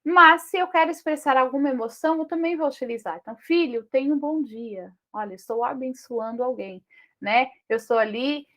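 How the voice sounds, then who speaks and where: With a high, somewhat bright voice and a Brazilian Portuguese accent, a female teacher leads a lesson on punctuation; she frequently uses tag questions to engage listeners and reads example sentences at a slow pace.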